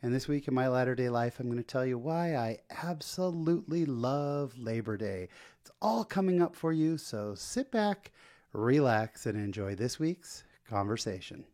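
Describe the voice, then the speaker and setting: A man's voice: mid-range voice, animated, normal speed, darkish tone. Enthusiastic man hosting a podcast. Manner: enthusiastic, chatty with fillers. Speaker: podcast host. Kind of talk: podcast interview. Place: podcast studio.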